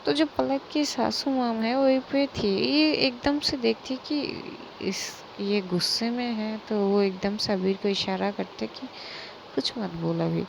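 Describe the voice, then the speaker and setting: A woman's voice: a little high, fairly even intonation, unhurried, gravelly, hardly any pauses, noisy background. A woman narrating a story in a casual, conversational retelling with many fillers.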